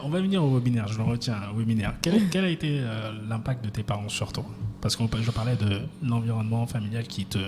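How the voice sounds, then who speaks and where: A man from France hosting a podcast interview, quick and chatty, often dropping in short affirmations. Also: medium pitch, darkish tone. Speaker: podcast host. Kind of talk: conversational interview. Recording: reverberant room with faint noise.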